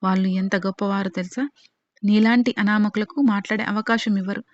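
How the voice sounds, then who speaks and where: A woman's voice: mid-range voice, flat delivery, a little fast, no echo, lightly acted. A woman voicing a scheming middle-aged man who mocks and dismisses others, in a dull lo-fi recording. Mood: scornful. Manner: mocking, dismissive.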